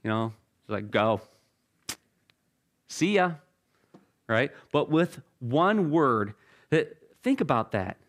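Unhurried and a bit bright, a mid-range male voice carries a sing-song lilt. He's a middle-aged pastor delivering a relaxed, conversational sermon, poking fun at himself and frequently restarting phrases with repeated words.

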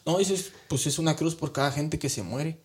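A man's voice: a little high, normal speed. Earnest Mexican man telling his story. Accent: Mexican Spanish. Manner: earnest, colloquial, with frequent tag questions and restarts. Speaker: guest. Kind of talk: emotional personal storytelling.

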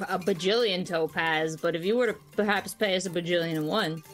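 A woman's voice: on the low side, a little fast, soft background music. A woman chatting casually as a player in a tabletop game, improvising what her character does.

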